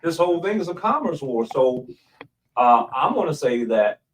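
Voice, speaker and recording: A man's voice: fairly high pitch, very animated, normal speed, distant mic, a little hiss or hum, rough recording. A man, a pastor, explaining in a studio interview and asking rhetorical questions.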